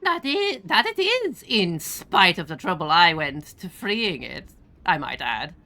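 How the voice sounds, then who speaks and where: A woman's voice: fairly low pitch, very animated, a little slow, sharp tone, exaggerated voice. A woman reading the lines of a bitter, earnest young male mage in a solemn, old-fashioned way. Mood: resentful.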